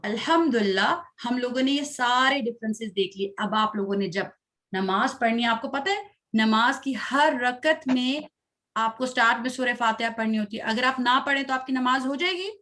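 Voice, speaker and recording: A woman leads a children's tajweed class, her voice sitting a little high for a woman. She draws each Arabic syllable out slowly for pupils to echo. Between recitations she asks short questions and offers patient encouragement. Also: fairly bright tone. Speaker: Quran recitation teacher.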